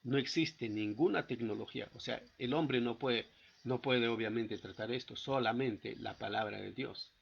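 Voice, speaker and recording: A man's voice: medium pitch, gravelly, dull audio, slight background noise. A man preaching a sermon at a church service, often stopping to ask the congregation whether they follow him. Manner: asks the congregation frequent rhetorical check-in questions.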